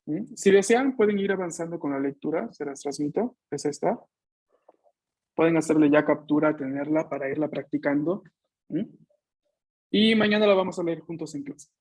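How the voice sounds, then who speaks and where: A man teaching a Japanese class online over a video call. He explains patiently, models sounds slowly for his students to repeat, and often ends phrases with tag questions. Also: on the high side, darkish tone.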